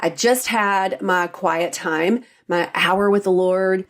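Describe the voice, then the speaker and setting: Middle-aged lady coach doing her solo podcast, earnest and confiding, mid-pitched voice. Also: slow pace. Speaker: podcast host and health coach. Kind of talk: solo faith-based podcast talk.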